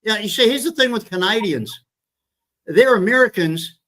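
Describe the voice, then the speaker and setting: Casting note: Kiwi man in his sixties, high-pitched, blunt and sweary, casual co-host chatter. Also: expressive, normal speed, bright, forceful tone. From New Zealand. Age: 60s. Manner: blunt, sweary, stumbling restarts. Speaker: show co-host. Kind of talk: casual chat.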